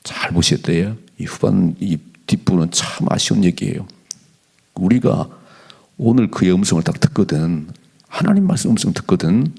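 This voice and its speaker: A middle-aged male pastor giving an animated dawn prayer sermon in a church, slowing down whenever he reads scripture aloud. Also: deep voice, vocal fry, husky. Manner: animated preaching, slows to read scripture aloud. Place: church sanctuary.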